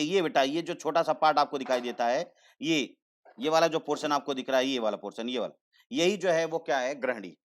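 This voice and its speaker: Man teaching science in a higher voice. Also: a bit bright. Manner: explains slowly, repeats terms, asks questions then answers them; calls students "beta". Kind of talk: online science lesson.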